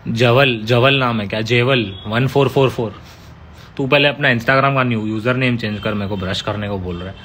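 A man chats on a live stream, answering viewers with playful, teasing banter. His voice sits at an everyday middle pitch. A faint hum of room noise sits under the talk. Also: moderate pace, fairly bright tone. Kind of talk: casual live-stream chat.

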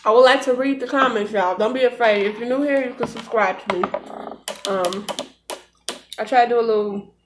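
A woman's voice: on the high side, brisk, a little hiss or hum. A young American woman chatting casually and familiarly to viewers while eating cereal in her kitchen, recorded on a phone. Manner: folksy, addressing viewers familiarly. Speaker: vlogger. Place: home kitchen. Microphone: phone propped at arm's length.

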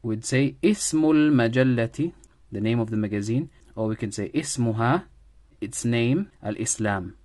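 A man gives an online Arabic grammar lesson in a voice of ordinary pitch. He speaks slowly and repeats each Arabic phrase before translating it. The recording is dry and close, with no room sound. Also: darkish tone, no room sound. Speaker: Arabic teacher.

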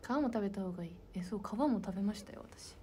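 Soft-spoken young woman chatting with fans. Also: medium pitch, fast talker, a little hiss or hum. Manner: soft-spoken and chatty, drops into whispered asides. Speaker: idol talking with fans. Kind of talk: casual chat answering fan questions.

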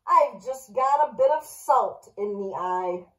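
A woman voicing a swaggering pirate storybook that talks in gruff pirate slang. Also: on the high side, animated, slow pace, fairly bright tone. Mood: blustery. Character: swaggering pirate storybook, blustery sea-dog.

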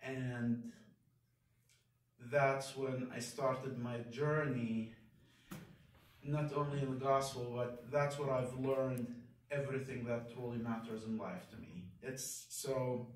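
A man's voice: medium pitch, steady tone, unhurried, a little hiss or hum. A man in his fifties, raised in Kuwait, giving a candid, self-deprecating personal testimony at a chapel pulpit. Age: 50s. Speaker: devotional speaker. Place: large chapel, speaking at a wooden pulpit. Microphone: far camera phone in the congregation. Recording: very echoey hall, voice from far off.

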